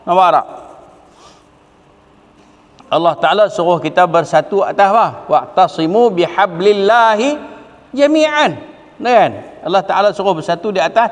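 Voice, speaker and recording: A man preaching a lively religious lesson, asking rhetorical questions and quoting Arabic scripture. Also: sits high, normal speed, pauses often, in a large hall. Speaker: religious teacher. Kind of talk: sermon. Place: religious hall.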